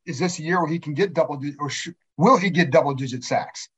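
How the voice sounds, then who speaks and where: A man's voice: a little high, quick pace, fairly bright tone, husky. A man hosting a casual sports discussion, posing questions and often cutting into his own sentences. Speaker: podcast host.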